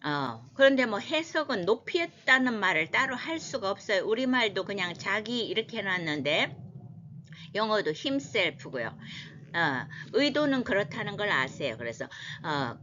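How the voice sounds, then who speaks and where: A woman giving a language lesson as a teacher, explaining scripture word by word and repeating phrases slowly for learners. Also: medium pitch, fairly bright tone, muffled recording, slight background noise.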